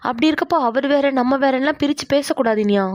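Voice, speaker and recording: A woman's voice: high-pitched, fast, no echo, clean studio sound, natural voice. A woman voicing a sensible young woman in a cartoon, who reproaches her friend in a reasoning way. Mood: reproachful. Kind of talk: cartoon voice acting.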